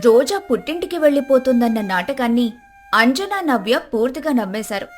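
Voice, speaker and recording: A woman narrating an animated family drama in a dramatic storytelling manner. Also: sits high, a little fast, faint music behind.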